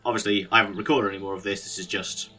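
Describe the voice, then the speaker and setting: Male game streamer, British accent, dry mock-grumpy humour, fairly low voice, music underneath. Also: steady tone, very fast. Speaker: gaming video host. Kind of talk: casual gameplay commentary.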